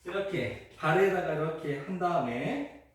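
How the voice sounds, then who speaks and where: A man's voice: fairly high pitch, expressive, unhurried. A man casually explaining and acting out the steps of a traditional game, with frequent exclamations as he moves. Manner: chatty step-by-step instructions, frequent exclamations while moving. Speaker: host demonstrating a traditional Korean game. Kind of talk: unedited casual demonstration. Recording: echoey, distant camera audio with faint noise.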